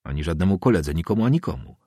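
Mężczyzna czytający głosem przestraszonego ucznia, który odpowiada pokornie i z szacunkiem. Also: male voice, low voice, expressive, dark tone, slightly rough, no room sound, studio quality. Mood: timid. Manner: meek, hurried, respectful. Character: frightened schoolboy, timid but determined.

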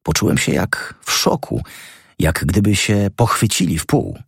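Male audiobook narrator, very low and husky, measured dramatic delivery. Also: big pitch swings, dry recording, studio quality.

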